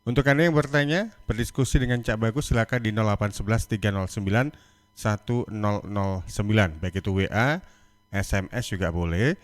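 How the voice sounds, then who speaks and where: A man's voice: lowish voice, fairly quick, no room sound. A man hosting a radio talk show in a friendly, chatty way. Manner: friendly, chatty, laughs between lines. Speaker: radio host.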